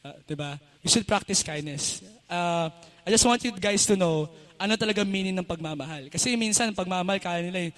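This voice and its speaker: A man's voice: sits high, fairly quick, a bit bright. A young man with a Filipino accent giving a casual, chatty youth sermon at a church service, laughing often and switching between Tagalog and English. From Philippines. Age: young adult. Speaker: youth speaker.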